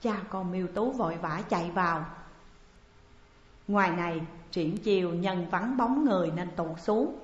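A woman's voice: on the low side, normal speed. Woman reading an old novel aloud in echo. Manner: steady storytelling reading. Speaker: narrator. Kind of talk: audiobook reading of a classic novel. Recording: dull echoey recording, long reverb.

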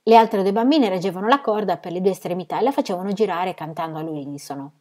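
A woman reading a novel aloud in steady, measured storytelling. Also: on the low side. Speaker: reader.

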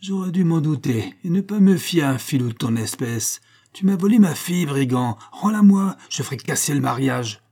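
A man's voice: medium pitch, fairly even intonation, moderate pace, mellow, lightly acted. A man reading aloud voicing an impatient, superstitious old father who grumbles and grows exasperated. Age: older.

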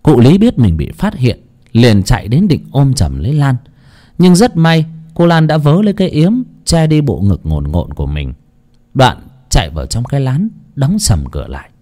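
A male storyteller reads a dramatic audio story. His voice is warm and dark, and it rises and falls in wide, animated sweeps as he tells it. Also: mid-range voice. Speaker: narrator.

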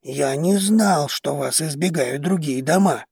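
A stern old patriarch, as a male narrator reads him speaks in an audiobook, husky and close with a dry sound. He sounds curt and commanding. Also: on the high side, a little slow, darkish tone, no room sound, full character voice. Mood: harsh. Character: stern old head of a noble house.

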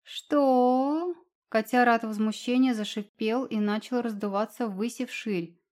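A woman narrating a fantasy novel as an audiobook. Her delivery is expressive and follows the story closely. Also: fairly high pitch, moderate pace.

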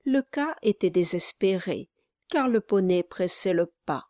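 Slow, measured woman reading a novel. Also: mid-range voice, no room sound, studio quality. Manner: measured, even storytelling. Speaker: audiobook reader. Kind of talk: scripted narration of a classic novel.

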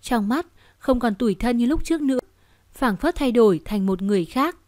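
A woman narrating a dramatic romance story in a steady, storytelling tone. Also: fairly high pitch, a little fast, no echo, clean studio sound. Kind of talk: scripted narration.

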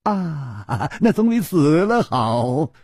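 A man voicing a proud male hero who is cornered but composed, speaking in a quiet, measured and resigned way, in a Chinese storytelling radio reading. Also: a little high, sing-song, slightly rough, dry recording, studio quality, heavily acted. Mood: grim.

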